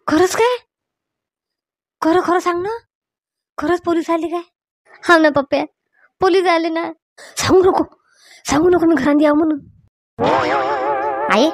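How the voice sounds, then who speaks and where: A woman's voice: sits high, no room sound, clean studio sound, lightly acted. Pappu, woman playing a cowardly village son. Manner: bragging then panicky, fast whining.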